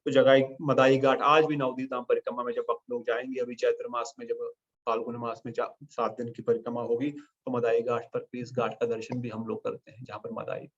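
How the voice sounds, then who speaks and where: A man giving a devotional sermon, telling stories in an animated way and slipping English phrases into his talk. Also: mid-range voice, brisk. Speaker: preacher. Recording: dull lo-fi recording.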